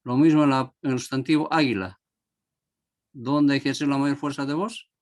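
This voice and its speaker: A man's voice: mid-range voice, steady tone, moderate pace. A man teaching a grammar lesson to a class, repeating each example word and asking if everyone understood.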